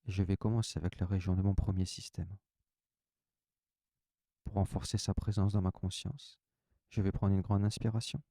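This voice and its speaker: Deep-voiced man guiding slow relaxation. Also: dry recording, clean studio sound. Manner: calm, soft, unhurried first-person instructions. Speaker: relaxation guide. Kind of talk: guided relaxation session.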